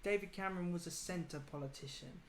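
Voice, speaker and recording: A man's voice: high-pitched, a little fast. A man from England arguing political opinions in a casual debate, emphatic and ranting. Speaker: political talk show host. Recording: echoey room with faint noise.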